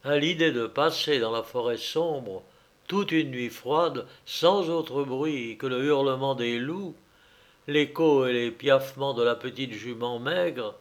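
A man narrating a classic story aloud in a measured, deliberate reading. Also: mid-range voice.

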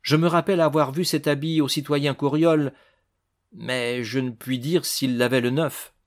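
A man's voice: mid-range voice, steady tone, normal speed, pitched above the performer's own voice, lightly acted. A man voicing a plain, frank male inn servant giving testimony.

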